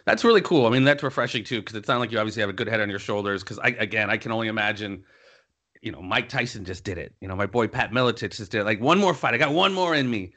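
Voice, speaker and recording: A male interview host talks at a brisk clip in a lowish voice. He rambles in a chatty way, stacking up asides and restarts before he passes the conversation back. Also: expressive, bright, forceful tone. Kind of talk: casual interview chat.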